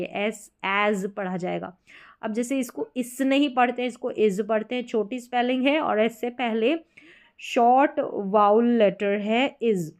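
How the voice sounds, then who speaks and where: A woman teaching English pronunciation rules, slowly drilling example words and asking the viewer questions. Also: medium pitch. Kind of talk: classroom-style lesson explaining spelling rules.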